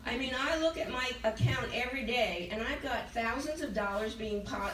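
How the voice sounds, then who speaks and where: A woman's voice: fairly high pitch, lively intonation, moderate pace, fairly bright tone, a little hiss or hum. An older woman telling her own story to a training audience, candid and emotional, often laughing as she recalls things. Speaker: speaker at a sales training event. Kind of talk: personal testimony to an audience. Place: large meeting room with an audience. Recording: echoey hall, mic from far off.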